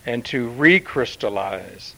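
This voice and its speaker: A man channeling a solemn male Martian commander who addresses Earth in formal, measured pronouncements with long pauses. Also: mid-range voice, animated, vocal fry, fairly bright tone, exaggerated voice, low-quality recording. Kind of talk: channeled spiritual message.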